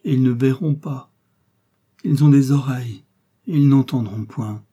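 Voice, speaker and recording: A scheming, seductive noblewoman prisoner, voiced by a man, pleading and anguished in a theatrical, storybook way. The voice is dark and husky, raised higher and louder than the narration. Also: normal speed, natural voice. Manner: pleading, pathos-laden, theatrical.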